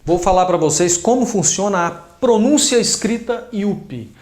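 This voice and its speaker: High-voiced Brazilian man teaching. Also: animated, normal speed, a little mellow, reverberant. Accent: Brazilian Portuguese. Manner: explanatory, emphatic on stressed syllables. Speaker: English teacher. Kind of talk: explaining a teaching method.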